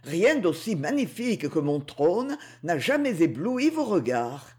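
A woman's voice: fairly low pitch, sing-song, measured pace, a little mellow. A woman reading an audiobook, voicing a possessive underworld king who coaxes and boasts grandly. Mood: coaxing.

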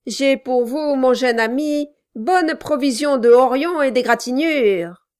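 A spiteful, gloating dwarf of a man, as a woman reader puts him on, barking threats and cooing with false sweetness. The voice sits high and is delivered slowly, each word pushed out loud. It is an audiobook figure who is cruel and enjoys it. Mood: mock-sweet.

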